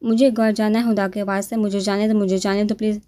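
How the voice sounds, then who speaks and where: A woman's voice: mid-range voice, steady tone, warm tone, lightly acted. A woman reading the lines of a terrified young captive in a novel, pleading desperately to be let go.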